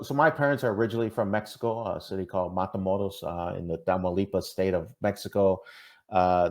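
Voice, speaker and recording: In this casual interview talk, a podcast guest from Minnesota speaks hesitantly, with many fillers and restarts. He has a Minnesotan accent and a lowish, slightly mellow voice.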